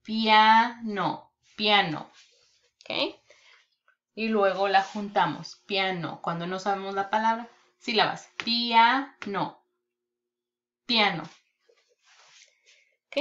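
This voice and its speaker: A woman teacher giving a children's reading lesson online, speaking deliberately, repeating words and checking in with "ok?" often. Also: medium pitch, steady tone, a bit bright. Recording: dull lo-fi recording.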